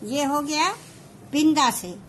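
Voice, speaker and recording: A woman teaching shorthand, explaining each step slowly and checking whether her students understand. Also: sits high, slight background noise. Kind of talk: slow classroom explanation.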